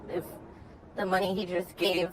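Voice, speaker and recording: A woman's voice: on the low side, level tone, normal speed, a little hiss or hum, low-quality recording. An anonymous woman interviewed for a news report, her voice electronically disguised, speaking bluntly and matter-of-factly. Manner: blunt, matter-of-fact, informal with fillers. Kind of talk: candid news interview soundbites.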